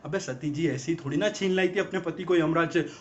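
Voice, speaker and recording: An actor playing an exasperated young man in a rapid-fire, mocking film comedy monologue about girlfriends. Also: on the high side, a little hiss or hum, natural voice. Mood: ranting. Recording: dull lo-fi film audio.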